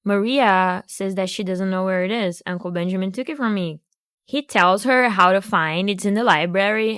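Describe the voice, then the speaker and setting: A woman's voice: medium pitch, a bit bright, smooth, dry recording, clean studio sound. A woman hosting a video, giving a casual recap of a film and book with joking asides and restarts. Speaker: video host.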